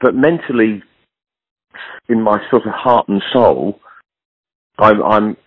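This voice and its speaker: In a casual podcast conversation, a British man in his sixties who runs a clothing business rambles frankly and pokes fun at himself. He speaks slowly in a lowish, slightly rough voice, and the dry recording sounds narrow and tinny.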